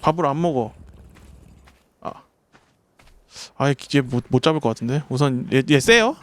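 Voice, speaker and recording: A man's voice: mid-range voice, moderate pace. A man streaming a survival game, talking to his creatures and his chat and yelping when startled. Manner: excitable, yelps and swears when startled; talks to the creatures and the chat while playing. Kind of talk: live gameplay commentary.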